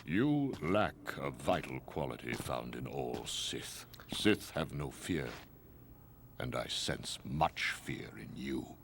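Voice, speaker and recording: An actor playing a cold, commanding older dark lord in a cartoon, with slow and measured menace. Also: male voice, a bass voice, expressive, creaky, full character voice. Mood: contemptuous. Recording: noisy soundtrack ambience.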